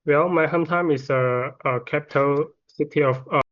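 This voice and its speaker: A man's voice: fairly high pitch, moderate pace, muffled recording. Hesitant young Chinese man at exam. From China. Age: 20s. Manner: hesitant, many "uh" fillers and repeats. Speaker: test candidate. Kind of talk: mock exam answers.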